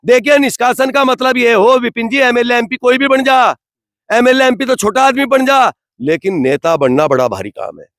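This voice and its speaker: Brief: fired-up man, high voice, dry sound, rhetorical and indignant. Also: animated, moderate pace, fairly bright tone, dry recording. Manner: rhetorical, indignant, repeats "bhai". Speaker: interviewee from the community. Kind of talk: impassioned street interview.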